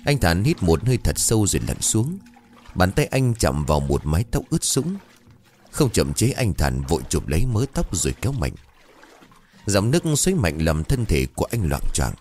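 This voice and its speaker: A man narrating a ghost story in a dramatic, expressive way. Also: sits low, moderate pace. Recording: dry close voice, faint music.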